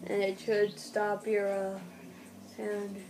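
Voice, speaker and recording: A young woman giving a casual home tutorial in a halting, rambling way, as an amateur host. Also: medium pitch, monotone. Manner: halting, rambling delivery with throat clearing. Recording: noticeable background noise, amateur home recording.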